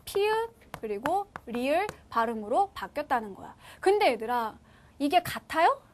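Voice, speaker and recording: Lively, animated woman teaching a class. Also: sits high, normal speed. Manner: lively, asks and answers own questions. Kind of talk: lecture to high school students.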